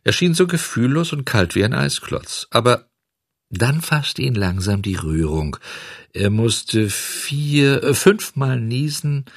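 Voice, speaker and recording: A man reading a children's storybook aloud as narrator, in an expressive, melodic way. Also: medium pitch, slow pace, no echo, studio quality.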